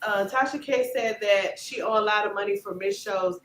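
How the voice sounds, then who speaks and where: A woman in her forties hosting a casual gossip commentary, talking in an animated, emphatic way. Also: moderate pace. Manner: animated and emphatic, drops low when doubtful. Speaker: channel host. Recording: roomy echo.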